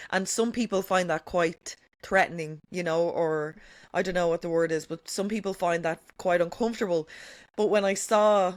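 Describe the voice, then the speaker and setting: A woman with a lowish voice, recorded dry and at studio quality, chats as a podcast guest. She's emphatic and candid, swears freely, leans on "like" and "you know," and says she has a strong voice.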